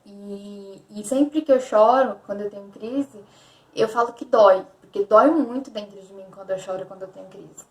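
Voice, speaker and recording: A woman's voice: mid-range voice, moderate pace, a little mellow, distant mic. Young Brazilian woman telling her story in an echoey room. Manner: candid, repetitive storytelling. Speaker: vlogger. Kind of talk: personal confessional vlog.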